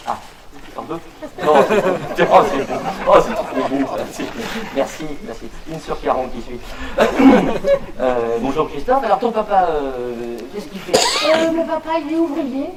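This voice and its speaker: A man's voice: on the high side, unhurried, over a noisy crowd, very noisy. A man performing stand-up comedy, telling a story with stammering restarts and acting out the characters. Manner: animated, stammering restarts, acts out voices. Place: live show venue with audience. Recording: roomy live stage sound from a distance, audience.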